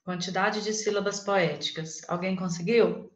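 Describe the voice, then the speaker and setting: A Brazilian woman teaching a literature class online, counting out poetic syllables slowly and deliberately. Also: medium pitch, steady tone. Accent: Brazilian Portuguese. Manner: slow, syllable-by-syllable scansion. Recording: dull, roomy sound.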